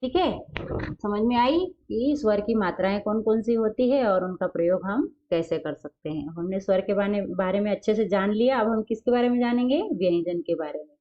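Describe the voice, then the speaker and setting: A woman teaching a grammar lesson to young children, asking questions and answering them herself and stretching out example words slowly. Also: medium pitch, muffled recording.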